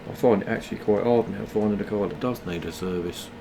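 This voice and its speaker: A man's voice: lowish voice, fast, vocal fry, noisy background. A tired man, mocking the ads he watches during a late game stream. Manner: sarcastic, mocking. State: tired, yawning. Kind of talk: casual live-stream commentary on ads.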